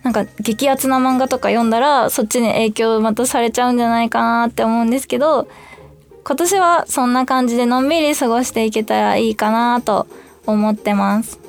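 Young female radio host, chatty and upbeat, slightly high pitch, faint music bed behind. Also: fairly quick. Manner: chatty and bubbly, acting out quotes. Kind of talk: casual solo free talk.

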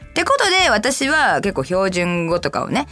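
A woman radio host from Kansai, speaking standard Japanese with a light Kansai accent, chatting casually and answering listener letters in a lively, playful way. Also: moderate pace, soft background music. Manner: chatty, animated, jumps to high playful asides. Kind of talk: casual solo radio talk.

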